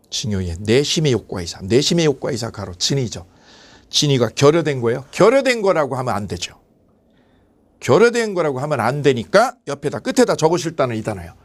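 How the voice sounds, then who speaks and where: A man teaching an exam-prep law class, asking quick questions and answering them himself. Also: on the high side. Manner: animated, asks and answers his own questions. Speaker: lecturer.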